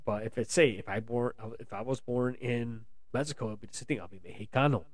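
An American man talks through a film he just saw, in a loose and rambling way, circling back and restarting his sentences. His voice sits in an ordinary middle pitch. The recording is close and dry. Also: brisk, no echo. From United States. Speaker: movie reviewer. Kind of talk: casual spoken film review.

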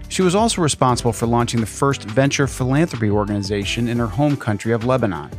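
A man hosting a podcast, reading a scripted introduction and then asking friendly, conversational questions. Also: mid-range voice. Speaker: podcast host. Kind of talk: podcast interview.

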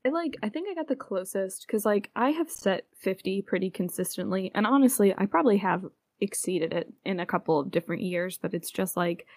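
A woman with a gravelly voice full of fry co-hosts a casual podcast. She talks wryly, with playful exaggeration, and the sound is dry and close. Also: medium pitch, expressive, a little fast, a little mellow, dry recording. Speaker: podcast co-host. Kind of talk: casual chat.

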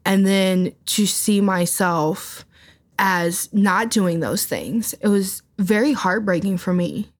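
A woman's voice: medium pitch, slow. A woman with a Midwestern American accent, a labor organizer who speaks earnestly and with feeling as she reflects on her life. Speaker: labor organizer, former fast-food worker. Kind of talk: interview storytelling.

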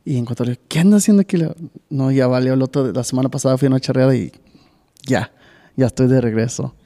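Relaxed male podcast host, mellow voice. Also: mid-range voice, fast talker. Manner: relaxed, slangy, swears casually. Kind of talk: casual conversation.

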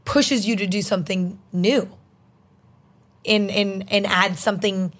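A young woman who makes online videos appears as a guest on a chat show, rambling casually and leaning heavily on "like." She has a medium-pitched voice with fairly even intonation and a measured pace.

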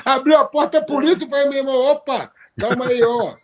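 Brief: man, high voice, slangy swearing raconteur, light background hiss. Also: brisk. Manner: slangy, swearing, laughing storyteller. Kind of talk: casual chat.

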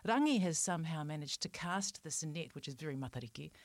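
Woman, New Zealand accent, lowish pitch, dry sound, casual and playful radio chat. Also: lively intonation, fast talker, dry recording.

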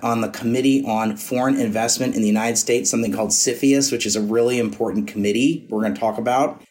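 A man hosting an interview podcast, giving admiring introductions to his guest. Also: medium pitch. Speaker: podcast host.

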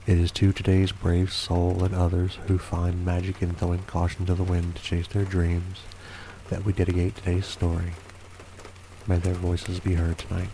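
Male true crime narrator, ASMR style. Low, flat-pitched and theatrical in wording, over faint background noise. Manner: florid, theatrical, alliterative, measured storytelling.

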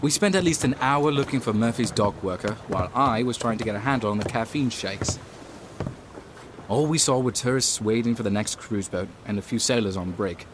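A man's voice: lowish voice, brisk, background noise, natural voice. An actor playing a matter-of-fact male investigator, giving scripted first-person narration in an audio drama. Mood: dry, resigned. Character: dry, jittery male investigator narrating his case. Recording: clear outdoor ambience behind.

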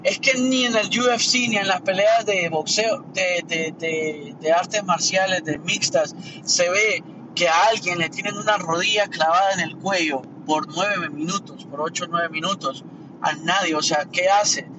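A man's voice: high voice, measured pace. A man talking casually in a rambling, earnest monologue, repeating words as he works through his indignation. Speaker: commentator sharing opinions. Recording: muffled distant mic with loud traffic noise.

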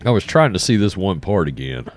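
A man's voice: deep voice, very animated, brisk, very noisy. A man giving casual, blunt reaction commentary as a host, his voice thick from a cold and a sore, swollen throat. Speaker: host of a film reaction channel.

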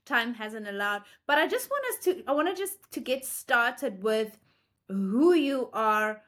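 Higher-voiced woman interview host. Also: very animated, unhurried, fairly bright tone. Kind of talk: casual interview conversation.

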